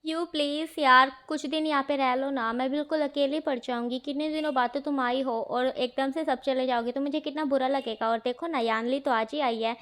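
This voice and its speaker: A woman's voice: high-pitched, fairly even intonation, fairly quick, few pauses, fairly bright tone. A woman voicing a lonely young woman who pleads and coaxes in a read-aloud story. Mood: pleading. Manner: pleading, coaxing.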